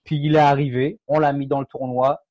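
A man chatting casually about fighting sports as a podcast co-host, halting with many fillers and restarts. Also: mid-range voice, flat delivery, a little mellow, no room sound, highs cut off.

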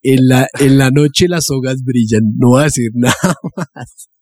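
A man's voice: medium pitch, steady tone, moderate pace, a little mellow, dry recording. Colombian man, playful podcast co-host, casual chat, phone mic, dry close sound. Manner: playful, laughing between remarks.

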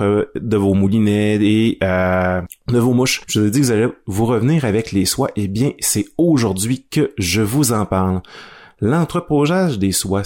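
Lowish-voiced Quebec man giving casual tips. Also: a little mellow. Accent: Quebec French. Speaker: fly-fishing instructor and show columnist. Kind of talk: casual instructional podcast talk.

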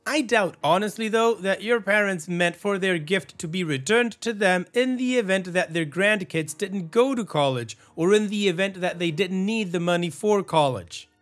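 A man's voice: sits high, moderate pace, few pauses, fairly bright tone. A man hosting a podcast, reading posts aloud and giving blunt, opinionated commentary with some sarcasm. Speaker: podcast host.

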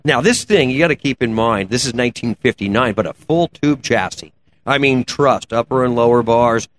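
A man's voice: mid-range voice, normal speed. A man chatting casually as an interview guest, telling car stories in colloquial, slangy shop talk. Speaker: guest, race car builder and shop owner. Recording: clear background noise and ambience. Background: ambient noise.

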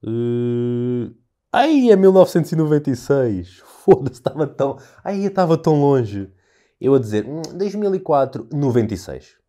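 Young man, European Portuguese accent, solo podcast host, animated rant, warm mellow tone. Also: medium pitch, moderate pace. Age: young adult. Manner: animated storyteller, ranting, swears freely. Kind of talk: casual solo podcast monologue.

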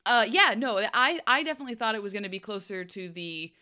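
Bright, clear-voiced woman, chatty and animated. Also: fairly high pitch. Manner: animated, chatty, quick asides with playful voiced quotes. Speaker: podcast co-host. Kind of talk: casual chat recapping a TV episode.

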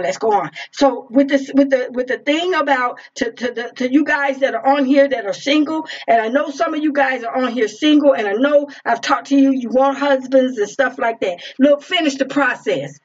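A middle-aged woman preaching an informal streamed sermon, repeating her phrases and speaking straight to her listeners. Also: a little high. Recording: dull lo-fi stream audio.

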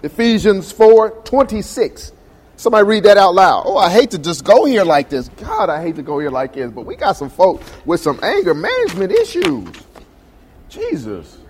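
Male pastor, very high voice, call-and-response sermon, long church reverb. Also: sing-song, normal speed, a little mellow, a little hiss or hum. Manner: call-and-response preaching, asks the congregation questions. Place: church sanctuary.

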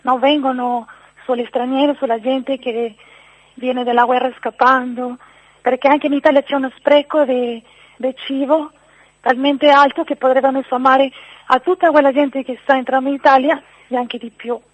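A woman from outside Italy, speaking with a foreign accent, phones in to a radio show to give her opinion off the cuff. Her voice is high and level at a normal pace, and the dry recording comes through a narrow, tinny phone line.

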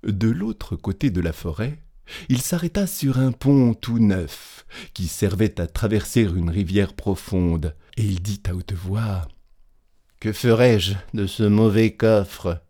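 A man narrating a folk tale in a measured, expressive storybook reading. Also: fairly low pitch, slightly rough.

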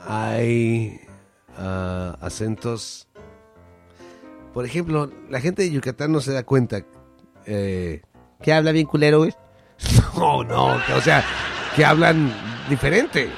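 A man's voice: medium pitch, takes it slowly, creaky, pauses often, faint music behind. A man with a Mexican accent hosting a podcast, joking around with crude slang and lots of filler. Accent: Mexican Spanish. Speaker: podcast host. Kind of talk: casual podcast chat.

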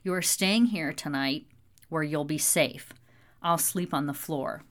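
A man's voice: fairly high pitch, measured pace, fairly bright tone. A woman voicing a growling, furious male marshal. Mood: protective, firm. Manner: growling, swearing threats. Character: angry young male federal marshal, menacing.

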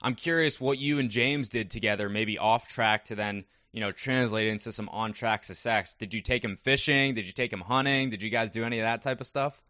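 A man's voice: on the low side, brisk, few pauses, bright, forceful tone, dry recording, clean studio sound. A man interviewing a guest, asking chatty, upbeat questions.

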